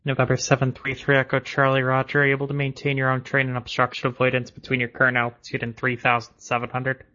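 This is radio transmission audio, dull and band-limited, of a man working air traffic control. Medium in pitch, bright and forceful, he delivers clipped, matter-of-fact procedural instructions in a fast monotone.

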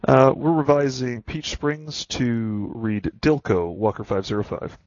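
Man, pilot radio readbacks to air traffic control, medium pitch, hesitant clipped phrasing, muffled channel. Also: measured pace, darkish tone, no room sound. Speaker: airline pilot. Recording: dull, dry radio audio.

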